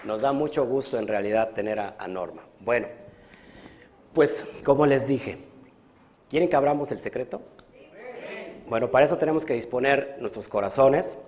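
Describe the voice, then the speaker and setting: A man's voice: medium pitch, normal speed, long pauses, darkish tone. A man leading a livestreamed religious study lesson as a Kabbalah teacher, earnestly asking his audience questions and stretching out key words. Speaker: Kabbalah teacher and community leader.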